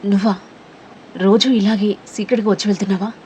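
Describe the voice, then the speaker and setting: A woman's voice: mid-range voice, steady tone, a little fast, darkish tone, a little hiss or hum, close to an everyday voice. A woman voicing a defiant, suspicious young woman in a spoken romance story, firing off demanding questions.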